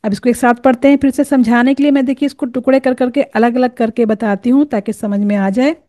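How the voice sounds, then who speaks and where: A woman's voice: on the high side, steady tone, warm tone, no echo, studio quality. Patient woman teaching Quran pronunciation. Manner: explains patiently, repeats and drills sounds slowly. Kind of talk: tajweed lesson.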